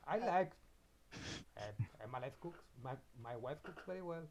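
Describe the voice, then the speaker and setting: Halting man, slightly high. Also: lively intonation, a little mellow. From Spain. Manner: simple halting English, short phrases. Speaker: guest. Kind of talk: casual interview chat.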